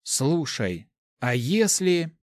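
Thoughtful young guy, calm and measured, lively voice, dry sound, man reading. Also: on the high side, no room sound, pitched above the performer's own voice, heavily acted.

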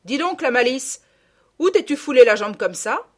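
A woman's voice: medium pitch, moderate pace, lightly acted. A woman voicing a middle-aged peasant gardener woman who scolds and gossips in blunt rustic speech, read as an audiobook character. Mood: indignant.

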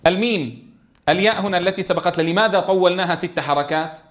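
A man's voice: high-pitched, quick pace. A man teaching a tajweed lesson in a classroom, keeps asking his students questions and answering them himself. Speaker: Quran recitation teacher.

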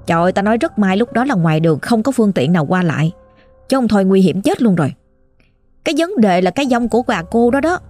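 A woman with a Southern Vietnamese accent and a mid-range, somewhat dark voice tells a ghost story, chatting and exclaiming as she speaks directly to her listeners.

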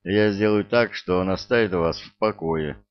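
A man reading the part of a composed mature detective who speaks calmly and firmly. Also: low-pitched, normal speed, dull audio, lightly acted. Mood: firm reassuring. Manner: calm, firm, reassuring.

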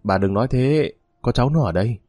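A man's voice: mid-range voice, lively intonation, fast talker, darkish tone, dry recording, clean studio sound, lightly acted. A man voicing a middle-aged father who pleads and apologizes. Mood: pleading.

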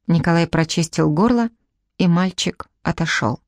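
Female audiobook narrator, lowish voice, steady and measured. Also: no room sound, studio quality. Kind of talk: first-person audiobook narration.

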